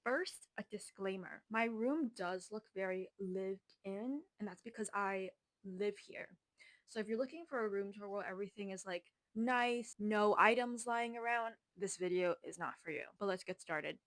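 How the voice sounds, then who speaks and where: A woman's voice: medium pitch, normal speed, fairly bright tone, no echo. A young woman in her twenties giving a rambling, self-deprecating room tour, a little out of breath. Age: 20s. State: slightly out of breath. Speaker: vlogger. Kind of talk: casual room tour narration.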